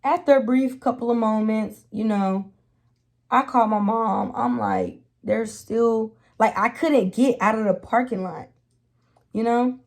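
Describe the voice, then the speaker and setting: A woman's voice: on the high side, a little slow. A young woman telling a personal story in a casual, slangy, dramatic way as a vlogger. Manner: animated, slangy, dramatic retelling.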